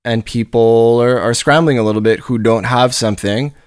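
On his solo podcast, a company leader and host from Montreal, Canada, rambles upbeatly in a nasal voice, frequently repeating words when restarting. His voice is mid-range, clear and resonant, with fairly even intonation at normal speed. A studio podcast microphone gives clean studio sound with no room tone.

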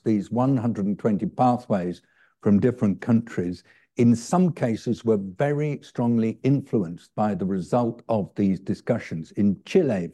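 A man giving measured, earnest, thoughtful answers as a guest speaker at a public talk. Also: lowish voice, warm tone.

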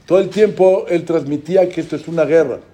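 High-voiced man giving a religious lecture. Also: fast, mellow. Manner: preaching with rhetorical questions. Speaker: religious speaker.

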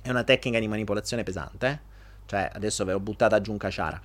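A man hosting a casual live chat, animated and jokey, talking straight to his viewers. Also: on the low side, fast talker. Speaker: live stream host answering viewers.

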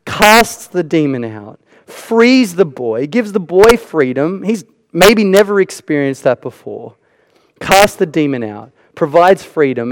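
A man's voice: on the high side, no room sound. A man preaching a sermon in an earnest way, repeating phrases for emphasis. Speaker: pastor.

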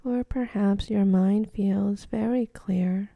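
A woman's medium-pitched voice, soft, breathy, almost whispered at times and a little creaky at the edges, guides a slow, gentle meditation with long pauses. Her tone is steady and soothing, and the close, dry recording has phone-quality sound and no room sound.

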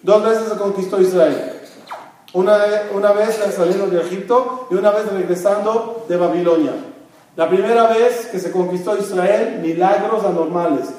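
A man's voice: sits high, moderate pace, a little mellow. A man giving a religious lesson to a congregation, asking questions and answering them himself, mixing Hebrew terms into his speech. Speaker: religious teacher. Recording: very echoey room, mic far off.

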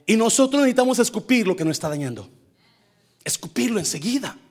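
A male pastor delivering a sermon in a very high voice that swoops and leaps across a wide range. He is animated, slips into changing voices to act out quoted speech, and sprinkles in English fillers. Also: fast, husky.

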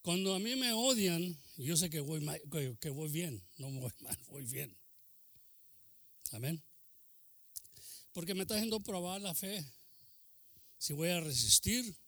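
An older man preaching a bilingual sermon, mixing Spanish and English, with frequent amens and hallelujahs and sudden drops into a soft, low voice. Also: expressive, unhurried, long pauses, no echo. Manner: preaches with exclamations of amen and hallelujah; switches between Spanish and English.

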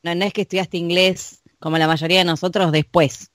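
A woman with an Argentine accent co-hosting a casual podcast, playful and quick to laugh. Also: lowish voice, steady tone, dry recording, studio quality. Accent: Argentine Spanish. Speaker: podcast co-host.

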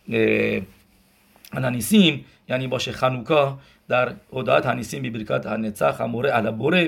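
A man's voice: medium pitch, vocal fry, breathy edge. A man teaching a religious lesson as a rabbi, explaining step by step and asking questions that he answers himself. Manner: explanatory, counts gematria aloud, asks and answers himself. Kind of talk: Torah lesson in Persian.

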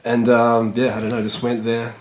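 A man's voice: mid-range voice, completely flat delivery, normal speed, slight background noise, low-quality recording. A man, a skateboarder chatting as a podcast guest in a laid-back, rambling way full of fillers. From New Zealand. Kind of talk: casual podcast chat.

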